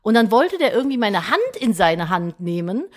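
A woman's voice: mid-range voice, moderate pace, a crowd in the background. A woman in her thirties, co-hosting a casual podcast and telling a story with lots of quoted dialogue and fillers. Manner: animated retelling with quoted dialogue, many fillers. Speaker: podcast co-host.

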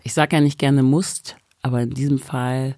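A woman guest speaks in a casual podcast chat, emphatic and animated, slipping into the voices of the people she quotes. Her voice sits on a close, dry studio mic with no room sound around it. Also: very deep voice, normal speed, no echo.

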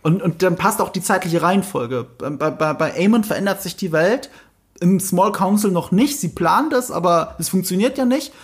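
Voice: medium pitch, expressive, moderate pace. A podcast co-host with a film background, explaining camera choices in casual chat and teasing with quiz questions. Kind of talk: casual chat about a TV series.

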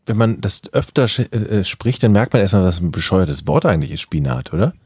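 A man in his thirties with a low, husky voice that swings widely in pitch. He laughs easily and loses track mid-sentence in relaxed banter. The sound is dry and close. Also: a little fast, no room sound. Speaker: podcast co-host. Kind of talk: casual banter.

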